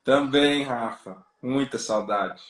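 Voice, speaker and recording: A man's voice: mid-range voice, slow. Brazilian man on a crackly call line. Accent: Brazilian Portuguese. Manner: relaxed, leans on tag questions. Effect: crackly, breaking-up call line. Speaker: guest psychologist. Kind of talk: casual interview chat. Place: rural home. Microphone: remote video call. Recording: echoey room over a choppy remote call.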